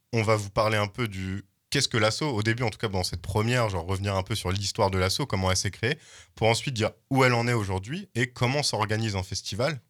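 A man's voice: fairly low pitch, a bit bright. A young man hosting a casual comics chat show, rambling and joking at his own expense. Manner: jokey, self-mocking, rambling. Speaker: podcast host.

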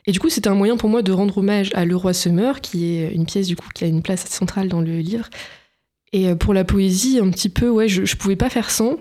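A woman's voice: mid-range voice, fairly quick, warm tone. A young woman author answering interview questions, hesitant with many fillers and restarts.

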